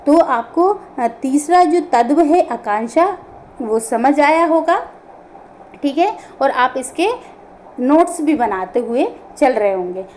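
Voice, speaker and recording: A woman's voice: sits high, expressive, slow pace, darkish tone, a little hiss or hum. A woman teaching an online grammar class, explaining step by step and answering her own questions.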